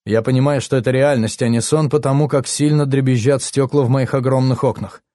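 A man narrating a first-person story, tense and hushed, his voice dropping low at grim moments. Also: steady tone, fairly quick, no room sound, studio quality. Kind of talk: audiobook narration.

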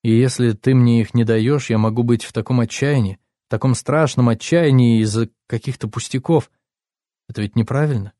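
An anxious young woman pours out her love in a soft, pleading voice, as a man reads her part. The tone stays dark and mellow, and the recording is close and dry, like a storybook audiobook. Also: medium pitch, moderate pace, no echo, natural voice. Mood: tender, anxious.

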